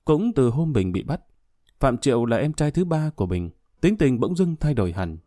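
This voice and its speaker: A man narrating a social drama story aloud in an even storytelling manner. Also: mid-range voice, normal speed, no echo, studio quality. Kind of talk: scripted audiobook narration.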